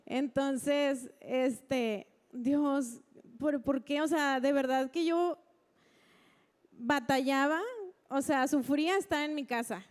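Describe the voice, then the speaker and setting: A woman's voice: sits high, steady tone, slow pace. A woman giving a personal testimony to a church congregation, chatty and full of fillers. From Mexico. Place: church service.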